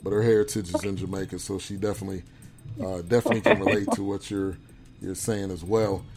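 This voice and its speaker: A man's voice: deep voice, little pitch movement, fast talker, loud music behind the voice. A man hosting a casual interview show, friendly, with loose phrasing and frequent repeats. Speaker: show host.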